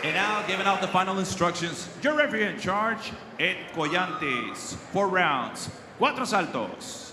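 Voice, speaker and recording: A man's voice: sits high, animated, measured pace. A man working as a boxing ring announcer in a showy lucha libre announcer manner, drawing out and belting names over an echoey arena PA. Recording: echoey arena PA, background noise.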